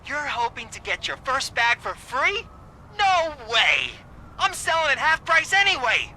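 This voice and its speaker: A man's voice: extremely high pitch, very animated, pushed and bright, slight background noise, exaggerated voice, low-quality recording. An actor voicing a jumpy, rude small-time male drug dealer in a video game. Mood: impatient. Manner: jumpy, rude, quick to panic.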